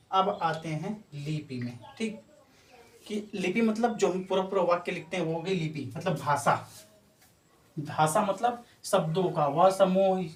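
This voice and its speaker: A male teacher giving an exam-prep lecture. He explains things patiently, repeats each example several times and keeps checking in with his listeners. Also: a little high. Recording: echoey room from far off, faint noise.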